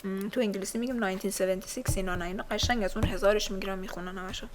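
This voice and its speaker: A woman's voice: mid-range voice, fairly even intonation, crowd noise. A woman with a Persian accent teaching a language lesson from a textbook. She explains things patiently and uses many fillers. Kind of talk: casual recorded lesson reading a textbook.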